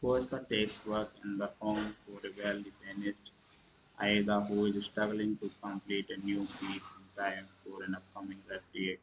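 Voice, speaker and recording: Monotone man reading a film recap. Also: fairly low pitch, background noise. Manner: halting reading with slips and restarts; clears throat and coughs between lines. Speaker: movie review channel host. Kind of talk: read-aloud film summary.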